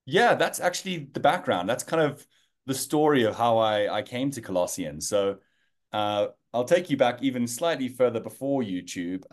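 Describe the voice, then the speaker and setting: A man in his thirties with a South African accent and a fairly low-pitched voice appears as an interview guest. He talks casually, with many fillers and restarts.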